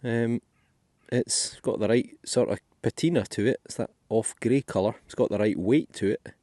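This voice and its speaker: Out in a field, a man from Scotland digs up finds and talks them through in a chatty, thinking-aloud way for his metal detecting vlog. He speaks at medium pitch and a moderate pace with a warm tone, and the recording is dry and studio-clean.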